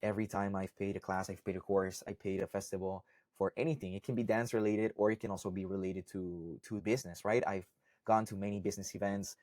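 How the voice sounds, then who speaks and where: A man's voice: deep voice, level tone, quick pace, a little mellow, dry recording, clean studio sound. A young man from Costa Rica, a salsa instructor, talking casually to camera and often checking in with "right?" and "okay?". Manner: conversational, often ends points with "right?" and "okay?". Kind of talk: casual explainer talk to camera.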